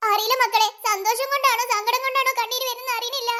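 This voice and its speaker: Humble cartoon mom, voiced by a voice actor, soft and emotional, high bright tone. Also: fairly even intonation, racing. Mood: tearful. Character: kind cartoon mother, humble and grateful. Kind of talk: animated cartoon voice acting.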